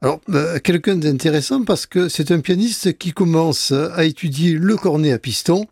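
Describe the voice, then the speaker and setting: A man's voice: a little high, moderate pace, darkish tone, husky, dry recording, studio quality. A man presenting jazz albums on a radio show in a casual, hesitant way, with many fillers and restarts. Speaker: radio music columnist. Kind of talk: casual radio music chat.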